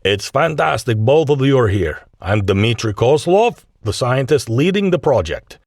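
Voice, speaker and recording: A man's voice: mid-range voice, big pitch swings, a little slow, creaky, a little mellow, no echo, studio quality, pitched above the performer's own voice, full character voice. A man voicing a courteous Russian scientist in his mid-fifties, speaking formally with a heavy Russian accent. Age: 50s.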